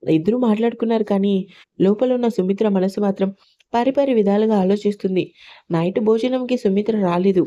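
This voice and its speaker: A woman narrating a scripted story in a steady, soft-spoken reading voice. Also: mid-range voice, brisk. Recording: dull lo-fi recording.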